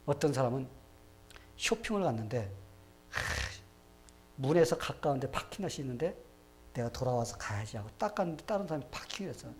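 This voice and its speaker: Man from Korea, pastor, sermon, fairly high voice, rhetorical questions. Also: animated, fairly quick, long pauses, darkish tone. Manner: rhetorical questions, acts out quoted people. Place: church sanctuary.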